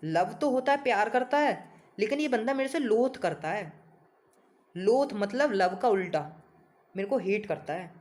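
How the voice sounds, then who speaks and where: A man's voice: high voice, expressive, unhurried. A man teaching English vocabulary in a casual coaching lesson, talking informally to his students and spelling words out letter by letter.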